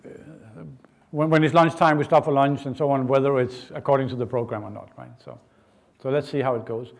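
A middle-aged man from Denmark, giving a university lecture in an informal, halting way with many fillers and restarts. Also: on the high side, darkish tone. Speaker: guest lecturer. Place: lecture hall, indoors.

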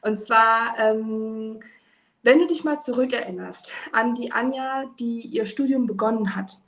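A woman's voice: a little high, measured pace. Encouraging female podcast host on a video call. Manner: warm, encouraging questioner, often says "ähm". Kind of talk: casual conversational interview. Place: room with sloped ceiling.

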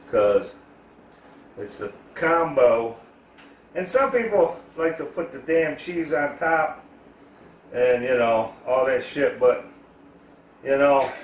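A man's voice: medium pitch, slight background noise. A man telling a rambling, profanity-filled story in a casual style while he cooks at home. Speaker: cooking vlogger. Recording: echoey room, voice far from the mic.

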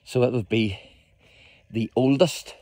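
This history trail guide, a middle-aged man, speaks in a steady, mid-range voice with a darkish tone and a measured pace. Phone in hand, he films a casual walking tour outdoors in a rural graveyard, talking with enthusiasm to his viewers.

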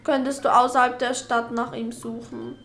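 A woman reading the part of a worried village mother in a game, soft and pleading. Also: on the high side, little pitch movement, normal speed, a little hiss or hum, voice pushed up, natural voice.

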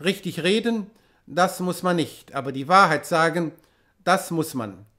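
A man's voice: fairly high pitch, a little slow. A man reading an audiobook, voicing a devout abbot in his fifties who questions the fishermen and grows urgent. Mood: stern. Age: 50s. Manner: questioning, then urgent and excited.

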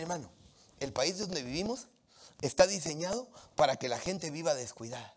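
A man from Latin America preaching a sermon, animated and emphatic, with humorous anecdotes from the street. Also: fairly high pitch.

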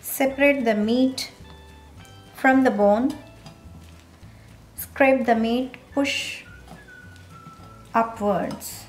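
A woman's voice: fairly high pitch, steady tone, extremely slow, pauses often, reverberant, faint music behind. A woman hosting a home cooking channel, giving plain step-by-step instructions in a voice-over.

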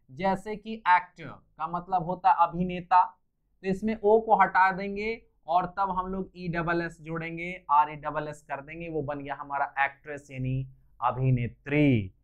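A male English teacher giving a classroom lecture, patiently explaining and spelling out words letter by letter. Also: high-pitched. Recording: slightly dull lo-fi recording.

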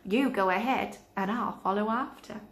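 A woman voicing a big, hungry male monster from a children's story, loud and slow. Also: medium pitch, natural voice. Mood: booming. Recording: echoey room.

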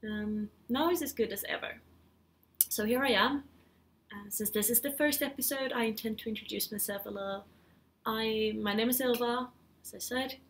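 At a normal speed and with fairly even intonation, a woman with a voice on the high side hosts a knitting vlog-style podcast. She's in her thirties, from Sweden, and speaks with a Swedish accent, chatting loosely and a touch hesitantly in her living room.

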